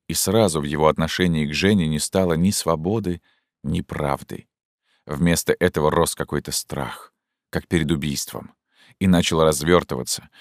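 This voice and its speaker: A man reading literary prose aloud as an audiobook narrator, in a measured, even delivery. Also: very deep voice, no echo, clean studio sound.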